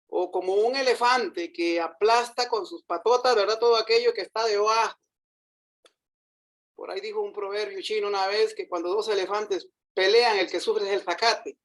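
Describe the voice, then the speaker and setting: A man's voice: high-pitched, poor audio. A man preaching a sermon in a conversational way, often checking in with his listeners. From Costa Rica. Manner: conversational, frequent rhetorical tag questions.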